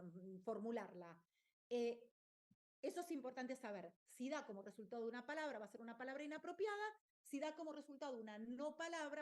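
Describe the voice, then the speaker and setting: Explaining a lesson during an online lecture, a woman teacher often pauses to check in with "¿está bien?". Her voice is on the high side and a little mellow.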